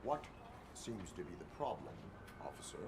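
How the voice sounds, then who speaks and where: A stern cyborg cop in a video game, speaking in a very low, flat, clipped and procedural way. The game audio carries a heavy wash of background noise behind him. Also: male voice, moderate pace. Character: stern cyborg police officer, adult male. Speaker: police officer at a complaints desk.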